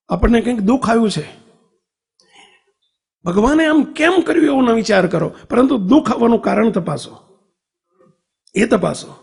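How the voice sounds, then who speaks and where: A male preacher with a high, husky voice and a gravelly edge. He tells a family story in his sermon, acting out its voices, and asks the listeners to raise their hands. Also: darkish tone, in a large hall. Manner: acts out family dialogue in story.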